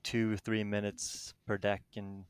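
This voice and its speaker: A man's voice: on the low side, monotone, slow, smooth, dry recording. A man with a Danish accent answering interview questions casually, in a modest, hesitant manner. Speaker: interviewed tournament champion.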